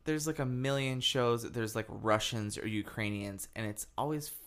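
A man's voice: medium pitch, moderate pace, a bit bright. A man co-hosting a TV podcast in casual chat, rambling and trailing off, laughing often. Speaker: podcast co-host.

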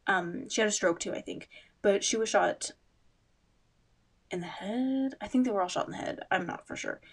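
Young woman host, casual true-crime chatter, rambling asides, mid-pitched voice. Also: moderate pace, slightly rough. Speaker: podcast host.

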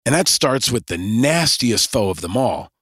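A man's voice: medium pitch, sing-song, moderate pace, a bit bright, husky, no room sound, studio quality. A man hosting a podcast, delivering a scripted monologue in punchy, rallying lists. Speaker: podcast host.

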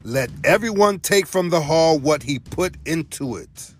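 A man's voice: fairly high pitch, expressive, unhurried, faint music behind, pitched above the performer's own voice. A man voicing a proud, fierce male leopard king in a storybook tale, speaking with menace and scorn. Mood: commanding.

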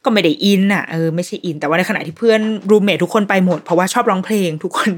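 Woman host, casual solo review, lower-pitched voice, chatty and animated with restarts. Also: racing, husky. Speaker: podcast host reviewing a series.

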